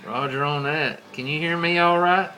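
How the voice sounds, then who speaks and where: Folksy, colloquial CB slang fills this casual chat from an American CB radio operator whose voice is a little high and moderately paced. Noise from the CB radio setup is obvious.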